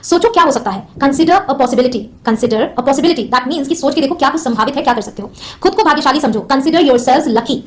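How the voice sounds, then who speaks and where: High-voiced woman teacher, drilling phrases slowly and explaining them briskly. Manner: repeats each English phrase slowly, explains quickly in Hindi. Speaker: English teacher. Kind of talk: bilingual language lesson.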